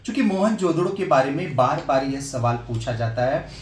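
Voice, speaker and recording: A male teacher giving an earnest exam-prep lesson, repeating his points and pausing with hesitation fillers. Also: mid-range voice, expressive, reverberant, slight background noise.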